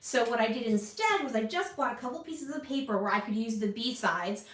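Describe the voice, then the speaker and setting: A woman's voice: a little high, animated, brisk, a bit bright, reverberant, far from the mic. A woman vlogging casually while she makes a scrapbook page, rambling and self-deprecating as she talks. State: hiccuping. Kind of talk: casual chat while crafting.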